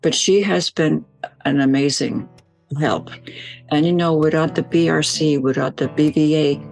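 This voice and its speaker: A woman's voice: sits low, measured pace, gravelly, a little mellow, faint music behind. An older woman from Belgium, a veteran ambassador, answering interview questions in a rambling, storytelling way with many fillers.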